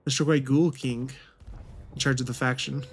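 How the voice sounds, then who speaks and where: A man gives casual game commentary in a mid-pitched voice. He thinks aloud as he plays, with faint noise and ambience in the background. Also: fairly even intonation, moderate pace. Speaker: gaming video host.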